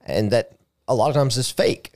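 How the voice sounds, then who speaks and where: A man's voice: medium pitch, moderate pace, a little mellow, no echo, studio quality. A man hosting a podcast, chatting casually and tagging his points with little questions. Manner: conversational, tag questions and fillers. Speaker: podcast host.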